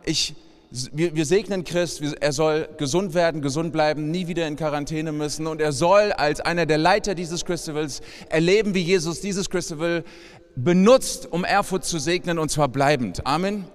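Man, preacher, high voice, long hall reverb. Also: normal speed, clear, resonant tone. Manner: direct address to audience, conversational. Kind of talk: sermon with Bible reading.

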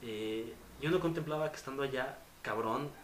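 A man's voice: medium pitch, normal speed. A young Mexican man with a Mexican accent, telling stories in casual, slangy chat. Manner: storytelling, slangy, animated retellings. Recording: roomy with faint noise.

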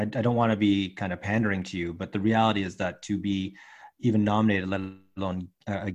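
A man's voice: sits low, a little mellow. A man hosting a podcast over a call, easygoing and rambling, with playful remarks. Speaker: podcast host and instructor. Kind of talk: casual interview.

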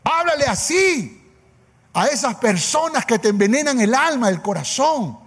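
A man's voice: very high voice, big pitch swings, moderate pace, fairly bright tone, breathy edge. A man preaching a sermon with emphatic repetition, calling on the congregation for an amen. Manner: emphatic, calls for amen, repeats phrases. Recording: long hall reverb.

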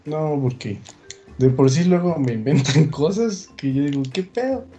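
Mexican man, podcast co-host. Warm, dark tone. Dry wisecracks. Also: a little high, normal speed, soft background music. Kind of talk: casual podcast chat.

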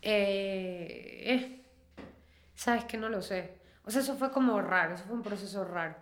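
A woman's voice: mid-range voice, a little slow. A woman in her thirties, a singer-songwriter talking casually in an interview, chatty and often trailing off to restart. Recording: roomy echo.

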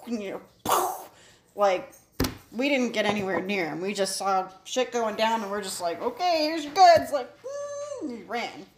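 A woman voicing a gruff male sailor fresh from port, with a weak put-on Scottish accent and halting, rambling speech. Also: medium pitch, big pitch swings. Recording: echoey room with background noise.

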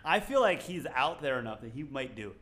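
A man's voice: medium pitch, big pitch swings, a little fast, fairly bright tone. A man co-hosting a casual podcast, rambling and joking with frequent laughs. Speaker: podcast co-host. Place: local to Las Vegas.

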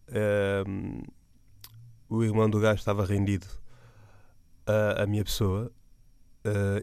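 A man's voice: fairly low pitch, a little mellow, dry recording. A man with a European Portuguese accent, a comedian telling a rambling story in casual slang, full of restarts and fillers. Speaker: stand-up comedian.

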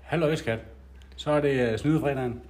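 A man's voice: mid-range voice, darkish tone, faint music behind. Agreeable older man nodding along. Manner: agreeable, short affirming replies. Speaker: podcast co-host. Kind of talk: casual podcast chat.

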